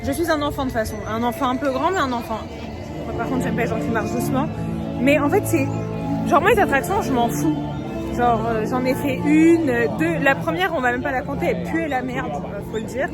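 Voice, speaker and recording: A young woman vlogging into her phone at a crowded theme park, flustered, exasperated and rushed. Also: high-pitched, loud music behind the voice, a loud crowd. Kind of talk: casual travel vlog to camera.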